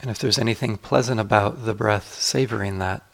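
A man teaches a guided meditation in a gentle, unhurried way, pausing at length. His voice is lowish and gravelly.

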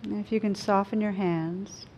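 A woman with a medium-pitched voice gives a reflective meditation talk. She guides gently, leaving frequent pauses between short phrases. A low rumble of background noise sits behind her voice. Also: fairly even intonation, lo-fi sound. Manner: unhurried, gentle guiding delivery with frequent pauses. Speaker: meditation teacher.

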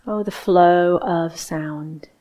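A woman teaches a guided meditation, her voice on the low side. She speaks gently and without hurry, leaving long pauses.

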